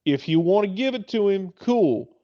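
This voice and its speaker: Animated and pitched high, the man delivers his casual sports analysis at a moderate pace, leaning on repetition for emphasis as a soccer pundit on a talk show. Audio is slightly dull and lo-fi, with no room sound.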